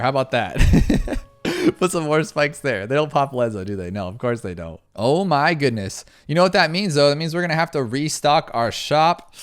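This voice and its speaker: Young male gaming host, excitable, mid-pitched, chatty play-by-play with faint music underneath. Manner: excitable, exclaims often, talks to himself and viewers. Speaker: gaming YouTuber. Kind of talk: excited gameplay commentary.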